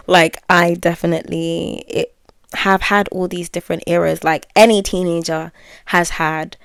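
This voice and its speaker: A twenty-year-old, well-spoken British woman hosts her own podcast, musing candidly in a reflective solo monologue full of fillers and self-corrections. Her voice is lowish and creaky, with a measured pace. The sound is clean studio audio with no room sound.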